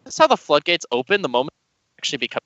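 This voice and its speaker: A man's voice: on the high side, very animated, quick pace, fairly bright tone, no echo. Man, blunt casual talk, voice cutting in and out, muffled lo-fi call audio, dead-dry sound. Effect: voice cutting in and out from a faulty mic. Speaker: participant in an online group discussion. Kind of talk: casual heated chat. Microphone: faulty headset or desk mic on a voice call. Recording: lo-fi voice-call mic, dropping out.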